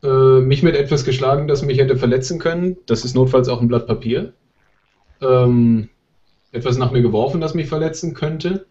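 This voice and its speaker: A man co-hosting a talk show, reading figures aloud in a halting, stumbling way. His voice is mid-pitched and mellow, on a dull, lo-fi recording. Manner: halting, stumbling over numbers. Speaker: podcast co-host. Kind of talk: reading out survey statistics in casual chat. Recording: dull lo-fi sound.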